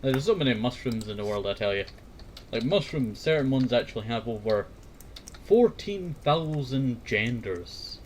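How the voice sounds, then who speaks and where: This fireside talk series host has a mid-range, animated voice and speaks at normal speed. His casual chat wanders, doubling back on words and tag phrases, with occasional reading aloud. Slight background noise can be heard.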